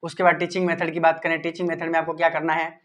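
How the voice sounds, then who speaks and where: A man's voice: fairly high pitch, completely flat delivery, rapid-fire, fairly bright tone. A male teacher giving informal, repetitive exam-preparation advice and talking straight to his students. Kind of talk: exam-prep study advice lesson.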